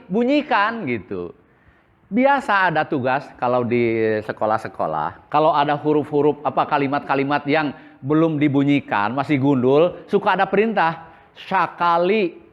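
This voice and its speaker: An Islamic boarding school teacher leads a religious class, posing questions and answering them himself in a repetitive call-and-response pattern. His voice sits on the high side, and the recording is lo-fi.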